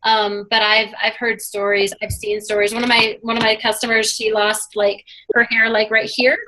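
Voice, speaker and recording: A woman chatting on a video call, gushing about products in a casual sales pitch with lots of fillers. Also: flat delivery, normal speed, pushed and bright, a little hiss or hum, rough recording. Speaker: product presenter.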